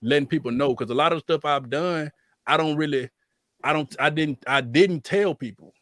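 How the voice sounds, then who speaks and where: A man's voice: normal speed, no room sound. A man, from Birmingham, Alabama, chatting animatedly as a podcast guest and telling stories with playful quoted voices. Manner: animated, jokey storytelling with raised-pitch quoted voices. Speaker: guest music producer. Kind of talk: casual podcast chat.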